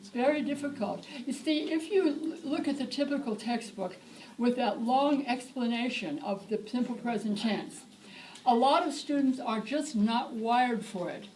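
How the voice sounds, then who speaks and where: Brief: older woman, bright high voice, energetic teacher trainer chanting examples, taped from the audience. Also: normal speed. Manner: lively, demonstrates chants with rhythm and repetition. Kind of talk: lecture to teachers. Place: lecture hall. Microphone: tablet recording from the audience. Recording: distant room recording with faint hiss.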